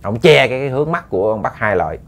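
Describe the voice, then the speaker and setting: A man's voice: mid-range voice, expressive, rapid-fire, a bit bright. A man with a Southern Vietnamese accent telling a ghost story to listeners, casual and chatty with many repeated words.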